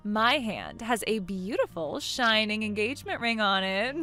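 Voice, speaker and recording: A woman's voice: a little high, big pitch swings, slow, sharp tone, soft background music, full character voice. A woman in her twenties voicing a smug, spiteful younger sister who mocks and laughs at others, in a voiced text-message story. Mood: mocking. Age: 20s.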